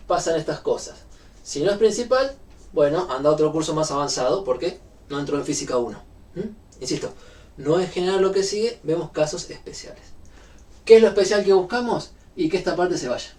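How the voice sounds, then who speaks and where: A man's voice: on the high side, fairly quick, darkish tone. Man lecturing on physics from a distance. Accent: Rioplatense Spanish. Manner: explains step by step with fillers like "eh" and "este".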